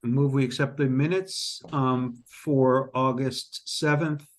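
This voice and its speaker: Slow-spoken retired man. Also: medium pitch, fairly even intonation. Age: older. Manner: slow, unsure, deliberate. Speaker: committee member.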